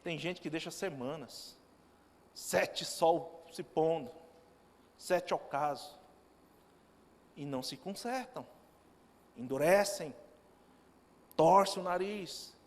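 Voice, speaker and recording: A man's voice: a little high, slow pace, long pauses, darkish tone. A male pastor giving a sermon in a church, telling stories with quoted dialogue. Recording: long reverb of a church hall.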